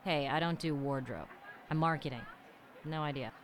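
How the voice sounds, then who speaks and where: A woman's voice: sits low, normal speed, noisy background, lightly acted. A woman playing a glib game marketing director. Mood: dismissive. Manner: salesy, glib and dismissive. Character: brash woman marketing director hyping a shooter. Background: game music.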